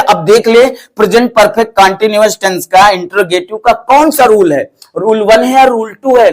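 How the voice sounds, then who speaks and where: A man teaching English grammar to students, asking questions and answering them himself in an animated, coaxing way. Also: high-pitched. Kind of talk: classroom-style grammar lesson.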